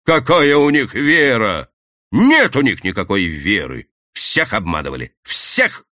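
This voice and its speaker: Man doing an angry bitter woman yelling curses, slow, swinging pitch, dry sound. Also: wildly swooping pitch, dry recording, heavily acted. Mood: furious. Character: furious woman in a crowd, bitter, shouting.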